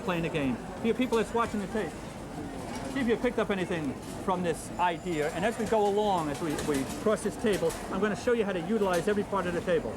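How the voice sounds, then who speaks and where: A man teaches the odds in craps, going over the numbers patiently and asking "okay?" along the way. His voice is high-pitched and quick. The old VHS tape copy carries background noise and music underneath.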